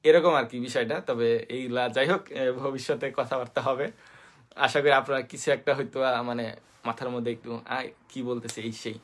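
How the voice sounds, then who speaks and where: Hosting a casual live-stream lesson on basic Japanese, a Bangladeshi man with a Bengali accent speaks at medium pitch in a steady, slightly bright tone. He hesitates, fills gaps often, spells letters out slowly, and greets viewers by name.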